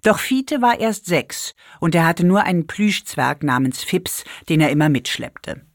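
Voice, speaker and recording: A woman with a lively storytelling manner, reading a children's story aloud. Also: on the low side, a little slow, no echo, studio quality. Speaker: narrator.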